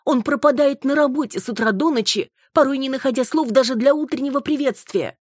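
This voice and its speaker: A woman voicing a jealous, hysterical young wife who scolds her husband, shrill and close to tears. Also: a little fast, slightly rough, no room sound. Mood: complaining. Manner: shrill, accusing, near tears.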